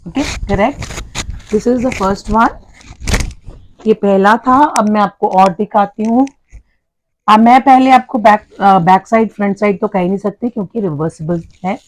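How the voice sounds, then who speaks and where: A woman with an Indian accent presents dupattas in a very slow, deliberate way. She explains each feature step by step and goes back to repeat and correct her points. Her voice sits at an ordinary middle pitch for a woman. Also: rough recording. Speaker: clothing seller presenting dupattas. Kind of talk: product showcase, switching between Hindi and English.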